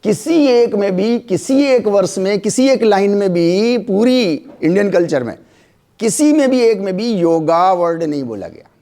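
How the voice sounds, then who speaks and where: A man's voice: sits high, expressive, a little slow, warm tone. A man giving a yoga lecture to students. He switches between Hindi and English, often checks in with "right?", and has the class repeat words aloud after him. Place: lecture hall.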